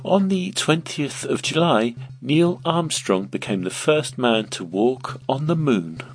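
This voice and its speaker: A man reads quiz questions at a slow, deliberate pace, his pitch rising and falling in a lively way. Soft music plays under his voice throughout. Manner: measured, clear delivery. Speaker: quiz host.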